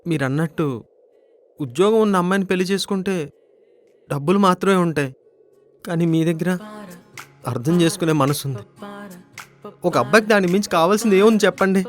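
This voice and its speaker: An actor playing a shy, earnest young man in love, speaking softly and pleading. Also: high-pitched, brisk, long pauses, soft background music, close to an everyday voice. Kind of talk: romantic comedy web series acting.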